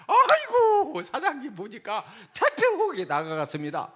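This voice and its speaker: A man's voice: very high voice, wildly swooping pitch, a little slow, a bit bright, voice pushed up, full character voice. A man voicing a sweet-talking bar hostess who eagerly agrees in a nasal, coaxing voice. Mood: fawning.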